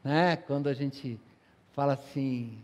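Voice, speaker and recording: A man's voice: mid-range voice, slow, a little mellow, muffled recording. A male pastor preaching a sermon in a church, firing rhetorical questions at the congregation. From São Paulo, Brazil. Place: church sanctuary. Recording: long church-hall reverb.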